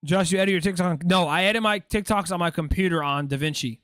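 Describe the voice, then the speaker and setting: Fast and sitting high in pitch, this man's voice carries a laid-back, chatty live stream. He's in his late twenties, fielding chat questions, dropping "bro," and reacting to a ball game as he goes.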